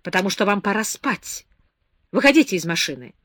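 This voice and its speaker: A woman's voice: mid-range voice, big pitch swings, a little fast, a bit bright, dry recording, studio quality. A woman voicing an exasperated, curt grown man in an audiobook. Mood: irritated. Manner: grumbling, curt. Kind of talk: audiobook character reading.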